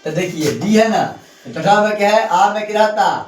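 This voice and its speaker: A man's voice: high-pitched, moderate pace. A man teaching a grammar lesson to students, repeating points and asking them questions as he goes. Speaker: English teacher. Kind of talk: classroom lesson explaining grammar. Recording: echoey room, mic at a distance, faint music.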